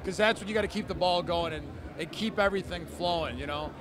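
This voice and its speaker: An enthusiastic man with a high voice talks casually in an interview as a wrestling announcer. He is recorded among outdoor urban noise, with a busy crowd behind him. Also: fast.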